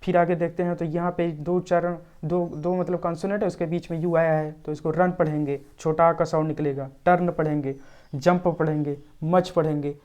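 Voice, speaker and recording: A woman teaching pronunciation rules in a tutorial, repeating each point slowly and step by step. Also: low-pitched, level tone, mellow. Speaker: English teacher.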